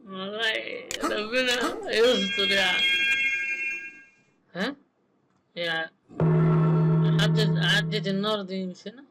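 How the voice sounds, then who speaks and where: High-voiced excitable Egyptian gamer. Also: male voice, slow, pauses often, loud music behind the voice. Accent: Egyptian Arabic. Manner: joking, excitable, often laughing. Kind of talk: let's play commentary.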